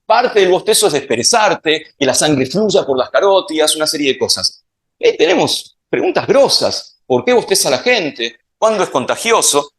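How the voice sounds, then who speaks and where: A man's voice: fairly high pitch, sing-song, normal speed, fairly bright tone. A man with an Argentine accent giving a playful public science talk, quizzing the audience with questions. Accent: Argentine Spanish. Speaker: science speaker.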